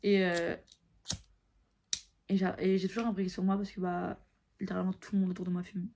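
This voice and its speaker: A woman's voice: lowish voice, flat delivery, a little fast, vocal fry, a little mellow. A woman in her early twenties chatting casually to camera, tired and mixing English phrases into her talk. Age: early 20s. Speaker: vlogger.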